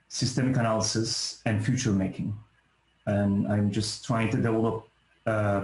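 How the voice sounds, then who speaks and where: In a roomy space with poor audio, a middle-aged professor from Turkey speaks with a fairly low, darkish voice and a Turkish accent. He answers interview questions reflectively, hesitating, restarting and using many fillers as he gives thoughtful academic responses.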